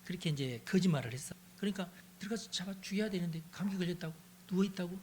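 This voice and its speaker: Male pastor, Bible study, storytelling, acts out characters, high voice, faint noise. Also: rapid-fire, a little mellow.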